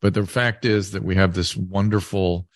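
A man hosting a casual interview, rambling and thinking aloud in a halting way. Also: low-pitched, fairly even intonation, no echo, clean studio sound. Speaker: podcast host and interviewer.

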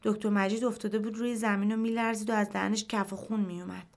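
A woman reading a short story aloud in first person, in a quiet, measured storytelling voice. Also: medium pitch, little pitch movement, gravelly. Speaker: narrator. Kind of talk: scripted narration of a short story.

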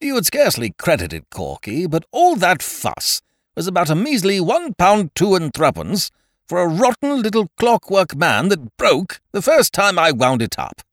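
A man's voice: high voice, huge pitch swings, normal speed, no room sound, studio quality, voice pushed up. A man doing a querulous, blustering young scrounger. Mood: aggrieved. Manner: querulous, indignant, emphatic.

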